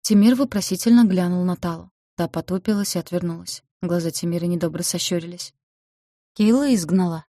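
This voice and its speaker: A woman reads a story aloud in a low, mellow voice, with even storytelling. The recording is very dry and close, with no room sound. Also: quick pace, few pauses, no room sound. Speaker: audiobook narrator. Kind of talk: scripted narration.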